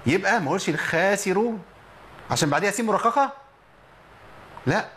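A man with an Egyptian accent teaching Quran recitation on a program, explaining patiently and drawing out example words slowly. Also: high voice, expressive, a bit bright. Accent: Egyptian Arabic. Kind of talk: tajweed lesson on a program.

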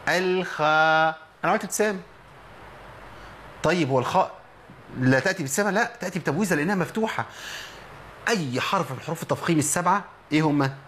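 A man with an Egyptian Arabic accent, his voice a little higher than most men's, teaches the rules of Quran recitation. He explains patiently and stretches out each example word slowly. Faint noise sits under his voice throughout. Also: fairly bright tone. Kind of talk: tajweed lesson on a program.

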